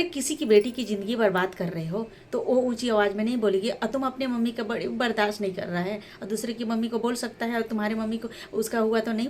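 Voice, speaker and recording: A woman's voice: fairly high pitch, darkish tone, slight background noise. A woman vlogger giving heated commentary, firing off rhetorical questions and often restarting her sentences. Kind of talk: indignant commentary on a couple's breakup.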